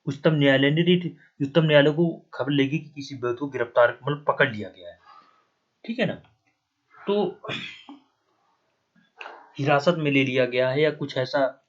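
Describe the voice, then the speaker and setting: A man with a Hindi accent teaching an exam-prep lesson, writing on a board as he talks, spelling terms out letter by letter and often checking with "ठीक है ना". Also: on the high side. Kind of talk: classroom lecture, writing on a board. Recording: dull, lo-fi recording.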